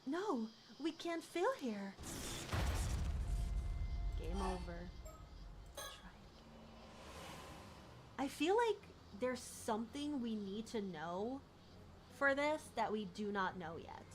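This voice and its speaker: A woman's voice: a little high, sing-song, slow pace, long pauses, a little hiss or hum. A woman streaming a game playthrough, talking casually and thinking aloud.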